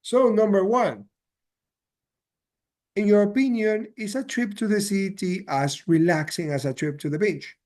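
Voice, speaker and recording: A man's voice: high-pitched, takes it slowly, a little mellow. A male English teacher explaining grammar patiently to a class, switching between Spanish and English.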